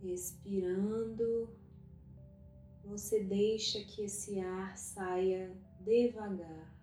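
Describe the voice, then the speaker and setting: A woman guiding a meditation, speaking softly and calmly with long pauses. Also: medium pitch. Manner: slow, soft and calm, with long pauses. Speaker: meditation guide. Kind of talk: guided meditation. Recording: roomy echo with faint music.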